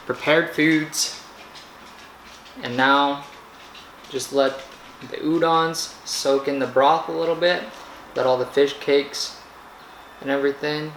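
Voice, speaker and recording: A man's voice: on the high side, fairly bright tone. Rambling man vlogging in an echoey room. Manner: rambling, halting, searches for words. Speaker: food vlogger. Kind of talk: casual vlog narration to camera. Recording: echoey room with faint background noise.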